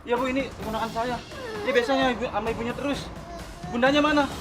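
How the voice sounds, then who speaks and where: A man's voice: very high voice, quick pace, loud music behind the voice, a loud crowd. An actor playing a distraught uncle who finds his young nephew, anxious and tearful. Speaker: uncle of the children.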